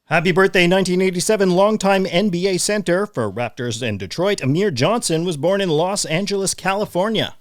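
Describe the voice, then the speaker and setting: A man's voice: high voice, a little fast, few pauses, dry recording, clean studio sound. A man co-hosting a casual sports podcast, who laughs often as he reads sports trivia. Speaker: podcast co-host.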